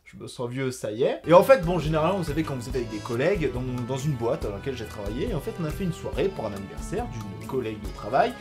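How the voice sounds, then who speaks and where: Animated young man telling a story. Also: medium pitch, fast talker, hardly any pauses, over music. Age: 20s. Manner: animated and slangy, with frequent swearing. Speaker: vlogger. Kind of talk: casual storytelling to camera.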